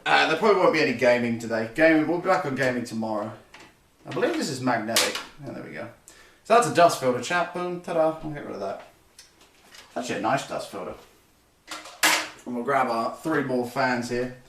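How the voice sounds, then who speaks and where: A young man with a medium-pitched voice builds a computer on stream and chats casually with viewers, rambling and self-correcting. He's animated and a little fast, though he drops into long pauses. The room sound is noticeable, the mic slightly distant, and there's faint noise.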